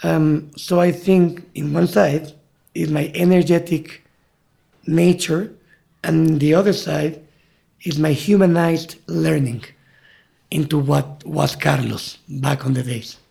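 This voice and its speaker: A man's voice: on the high side, fairly even intonation, slow pace, creaky, mellow. A man from Mexico City with a Mexican Spanish accent, a native Spanish speaker and guide, talking reflectively and searching for words in an interview.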